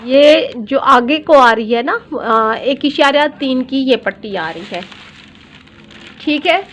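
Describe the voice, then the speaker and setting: Slow, patient woman teaching sewing. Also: high-pitched, expressive, a little hiss or hum. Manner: slow, patient, repeats each measurement; often checks in with "theek hai". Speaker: dress designer teaching pattern drafting. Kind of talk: step-by-step sewing tutorial.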